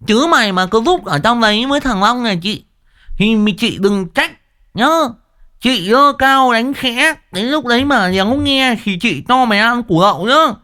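A woman voicing a loud, brutish middle-aged village woman who bellows threats in lisping, slurred speech. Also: fairly high pitch, lively intonation, normal speed. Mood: menacing.

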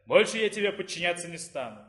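A man reading the part of a weary, stubborn male dean of a dark faculty in an audiobook, grumbling and bitter. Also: high-pitched, very animated, quick pace.

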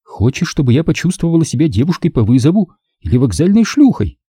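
A spiteful young woman in a fury, as a male audiobook reader puts her on, shrieking her words. Her voice jumps high but keeps a husky, dark grain. The reading is dry and close. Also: big pitch swings, fast talker, dry recording. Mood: furious.

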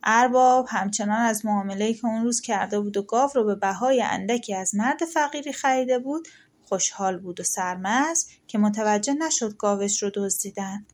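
A woman narrating an audiobook of folktales in a steady, expressive storytelling manner. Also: medium pitch.

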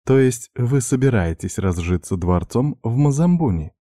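A man's voice: mid-range voice, expressive, moderate pace, warm tone, no echo, studio quality, voice pushed up, natural voice. A man voicing a gracious, teasing young princess in an audiobook. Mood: amused teasing. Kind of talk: audiobook character voice.

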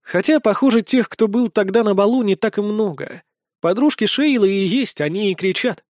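A man reading a first-person fantasy novel aloud, with lively, expressive storytelling. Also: high-pitched, normal speed, no echo, clean studio sound. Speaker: audiobook narrator.

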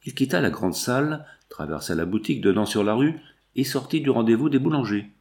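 A man reading a novel aloud as the narrator, in measured, even scripted narration. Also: mid-range voice, creaky. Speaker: audiobook narrator.

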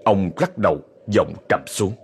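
A man narrating a horror story with dramatic, expressive delivery. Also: low-pitched, a little slow, slightly rough.

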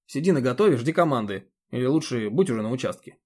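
A man reading an audiobook, voicing a brisk, decisive male agent who talks practically. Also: mid-range voice, expressive, a little mellow, natural voice. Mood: businesslike.

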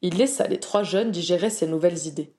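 Mellow-voiced woman reading a story. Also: lowish voice, fairly quick. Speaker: narrator. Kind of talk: reading a fan fiction aloud.

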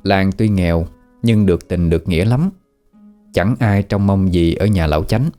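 Deep, dark-voiced male storyteller. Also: moderate pace, soft background music. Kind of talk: scripted horror story narration.

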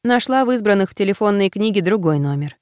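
A woman narrating a first-person audiobook in an expressive manner, voicing the heroine's emotional lines. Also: medium pitch, fast talker, no echo, clean studio sound.

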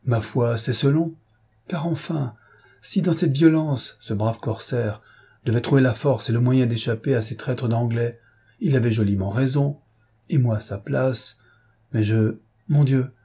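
A man's voice: mid-range voice, measured pace, dark tone, breathy edge. A man voicing an anxious, motherly governess who speaks in a raised, exclamatory voice in a read-aloud novel. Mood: chatty. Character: anxious older woman governess, fussy and motherly.

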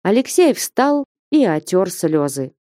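A woman narrating a classic story in a measured audiobook reading. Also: mid-range voice, big pitch swings, mellow, no room sound, clean studio sound. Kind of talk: scripted narration.

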